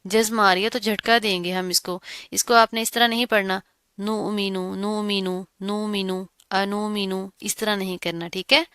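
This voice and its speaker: A woman teaching a Quran recitation lesson, explaining each rule step by step and repeating words slowly. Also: medium pitch, steady tone, sharp tone, smooth, no echo, studio quality. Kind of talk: tajweed lesson.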